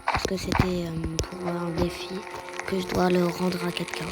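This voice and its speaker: A young woman giving casual gameplay commentary, hesitant with fillers, often exclaiming and repeating words when excited. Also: on the low side, a little slow, over loud music, poor audio. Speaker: gaming youtuber.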